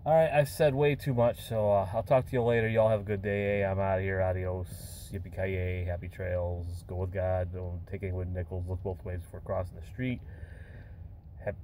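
There's slight background noise as a low-voiced man, an American truck driver in his forties, talks wearily into his phone camera from the cab. His casual vlog chatter wanders, relaxed and peppered with filler pauses, recorded on a phone or dash camera at arm's length.

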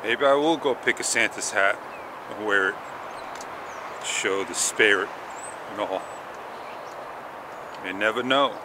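Fairly low-pitched and easygoing, this middle-aged man talks to an arm's-length action camera while walking through a park one morning. Sucking on candy for a mildly sore throat, he meanders through his thoughts with plenty of pauses, as outdoor ambience and passing traffic hum behind.

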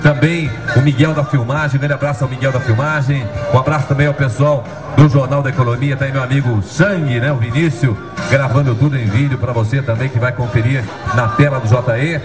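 A man's voice: medium pitch, fairly even intonation, a little fast. A man announcing festively over a PA system at an outdoor event, with effusive, repetitive emcee patter. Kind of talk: festive stage announcing to a crowd. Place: outdoor festival stage in a town square. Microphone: handheld stage mic through PA, picked up by camera. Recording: amplified outdoor PA with music behind.

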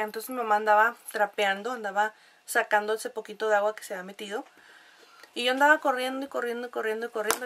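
Nasal mexican girl chatting to her camera, kinda high voice, laughs a lot. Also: pushed and bright. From La Paz, Mexico. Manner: chatty, laughs often, many fillers. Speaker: vlogger. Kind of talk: casual chat to camera.

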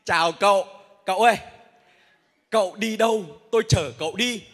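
A man performing a stage comedy sketch as a motorbike taxi driver, loud, boastful and bantering. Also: high-pitched, normal speed. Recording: reverberant hall.

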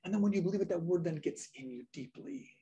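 A woman's voice: fairly low pitch, expressive, fast talker, mellow, slightly rough, lo-fi sound. A woman pastor giving a sermon, reading scripture aloud and repeating key lines for emphasis.

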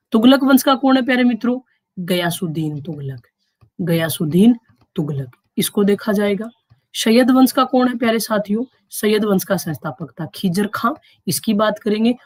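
A woman teaching an exam-prep history class, recorded close and dry with no room sound. She keeps asking her students rhetorical questions and answering them herself. Her pitch lifts on each question, and she slows right down to stress the key terms. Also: darkish tone, dry recording.

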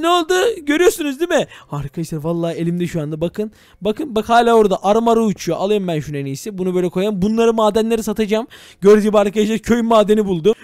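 A young man narrating a Minecraft let's-play to his viewers, excitable and full of exclamations. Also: high voice, no room sound. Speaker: gaming YouTuber.

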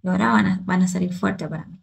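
A woman with a gravelly, creaky voice talks through a performance as a choreographer reacting casually. She gets excited, repeats words and keeps restarting her sentences. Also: on the low side, fast talker. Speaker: choreographer and dance teacher reacting to videos.

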